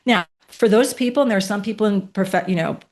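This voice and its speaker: A woman in her late fifties speaks as an interview guest, her voice sitting at an ordinary middle pitch. She tells her stories emphatically, building to pointed rhetorical questions. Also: a little fast. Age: 50s. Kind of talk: podcast interview storytelling.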